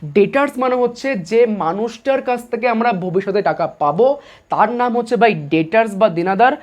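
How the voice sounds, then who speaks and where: Guy teaching commerce online, super casual, keeps asking the class questions and repeating himself. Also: high-pitched. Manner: repeats each point with quiz questions and answers them himself; casual, chatty, calls students guys and brother. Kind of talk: online lesson.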